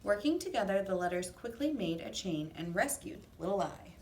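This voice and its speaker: In an echoey room, picked up by a distant mic with faint noise, a woman reads a children's story aloud. Her mid-range voice is expressive and deliberate, the style of a storybook reader narrating for kids.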